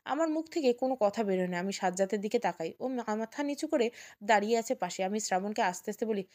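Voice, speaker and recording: A woman's voice: medium pitch, lively intonation, fast talker, darkish tone. A woman narrating an emotional first-person audio story in an earnest, tearful tone.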